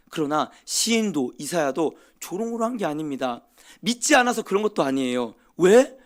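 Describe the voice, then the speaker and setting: A man preaching a sermon in church, swinging from loud emphatic cries to quiet asides. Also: high voice. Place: church sanctuary.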